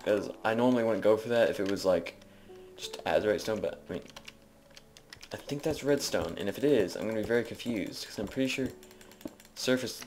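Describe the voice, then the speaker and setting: A man's voice: on the low side, a little fast, darkish tone, a little hiss or hum. A man giving casual, jokey commentary while playing a video game, rambling as he narrates what he does. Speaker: video game let's player. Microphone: desk microphone.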